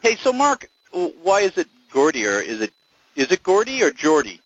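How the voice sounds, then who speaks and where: A man's voice: fairly high pitch, wildly swooping pitch, moderate pace, muffled recording. A man hosting an interview, asking playful, stumbling questions. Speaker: podcast host. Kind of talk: casual interview.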